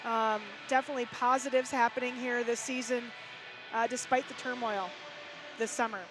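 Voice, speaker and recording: Music plays under poor audio as a woman broadcaster from Minnesota, USA, delivers chatty hockey commentary on a live stream in her Minnesotan accent. Reading stats with fillers, she speaks at a moderate pace in a slightly high voice with a flat delivery.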